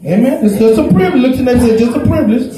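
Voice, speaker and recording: A middle-aged pastor preaching at a strikingly high pitch, shouting and chuckling through his lines. His handheld mic carries a heavy, booming echo in a small church, with the congregation calling back behind him. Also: rapid-fire, crowd noise. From Houston, Texas. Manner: preaching with call-and-response, shouting and laughing. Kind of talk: sermon. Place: small church with curtain backdrop. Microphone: handheld microphone. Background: congregation responding.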